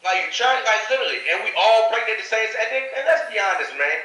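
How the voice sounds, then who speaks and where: A high, sharp-toned man hosts a casual podcast and lays out blunt opinions in loose slang. He sits back from the mic in a very echoey room. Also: expressive, fast talker, far from the mic. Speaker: podcast host. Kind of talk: casual chat.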